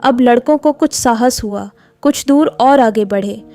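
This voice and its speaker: A woman narrating a classic story in a steady, measured reading. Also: on the high side. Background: soft background music.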